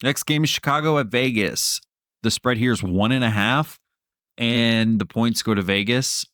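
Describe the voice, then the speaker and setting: A man's voice: medium pitch, normal speed, fairly bright tone, no echo, clean studio sound. A man co-hosting a fantasy football podcast, rambling in casual chat, with laughs and swearing. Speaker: podcast co-host.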